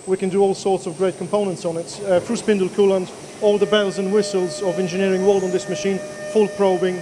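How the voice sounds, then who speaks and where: Speaking over background noise, a thirty-something workshop owner gives plain, filler-heavy answers to interview questions on a handheld mic inside his machine workshop. His high voice barely shifts in pitch, and his pace is fairly quick.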